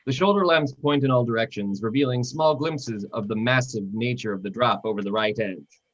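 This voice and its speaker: A man reads screenplay stage directions at a live reading in a steady, descriptive voice. His pitch sits mid-range, and the sound is dull and lo-fi. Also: a little fast. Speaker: narrator.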